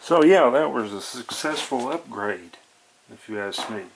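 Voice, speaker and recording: Talking at an unhurried pace with lively intonation, this medium-pitched man is a hobbyist walking through a hands-on electronics repair. The narration is casual and unscripted, hesitant and folksy as he thinks aloud, over background noise punctuated by clicks.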